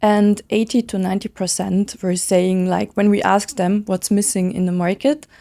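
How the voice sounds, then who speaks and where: A woman in her thirties from Switzerland, chatting in an interview as a founder, eager and quick with lots of casual fillers. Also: medium pitch, little pitch movement, creaky, warm tone. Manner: fast, enthusiastic, many "like" fillers. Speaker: guest, brand founder.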